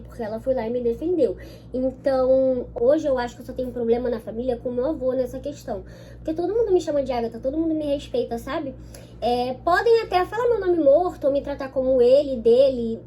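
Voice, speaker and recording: A woman's voice: high-pitched, mellow, slight background noise. A young woman with a Brazilian Portuguese accent, telling a personal story to her viewers in a chatty vlog, often checking in with them. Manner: chatty, keeps checking in with listeners. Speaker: vlogger.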